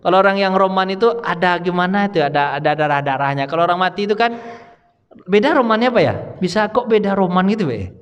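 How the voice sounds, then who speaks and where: Speaking quickly in a high, fairly bright voice, this middle-aged Islamic preacher sounds clear and resonant, with a long reverb tail from the mosque hall. He gives a study sermon in a relaxed, talkative way, often turning to ask the congregation questions.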